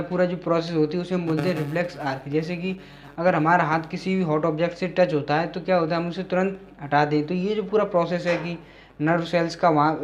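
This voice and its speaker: A man teaching a biology lesson. He reads English definitions out slowly, then explains them in Hindi with many pauses and fillers. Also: on the high side. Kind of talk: classroom lecture explaining biology.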